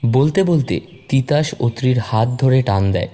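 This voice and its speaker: A man reading a story aloud in a measured, expressive narration. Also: medium pitch. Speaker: story reader. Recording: narration over background music.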